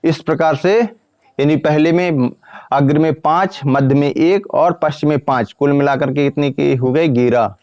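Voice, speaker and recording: Male teacher, grammar lesson, quizzing style, slightly high voice, dry close sound. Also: a little mellow, no echo. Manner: asks the class questions and answers them himself; repeats points slowly and sounds out vowels.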